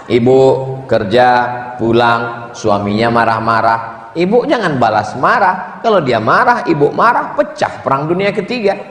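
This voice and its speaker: A man's voice: medium pitch, sing-song, normal speed, fairly bright tone. A man preaching a humorous sermon to a live audience, telling jokes and acting out little dialogues. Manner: joking storytelling, acts out dialogues. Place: large hall. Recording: echoey hall with background noise.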